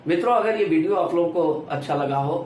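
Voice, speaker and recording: A man's voice: fairly high pitch, a little fast, a little mellow. A man delivering a political commentary monologue to his viewers, stressing key words and falling off at the ends of phrases, with rhythmic lists. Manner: lists items in rhythmic repetition. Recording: echoey room, voice from a distance, faint hiss.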